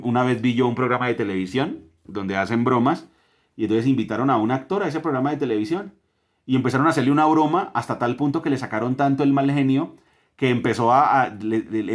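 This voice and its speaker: A man's voice: mid-range voice, fast talker. Emphatic Colombian man teaching scripture. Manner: emphatic, asks rhetorical questions and stacks repeated phrases. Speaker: father teaching a family Bible lesson. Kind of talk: family devotional teaching.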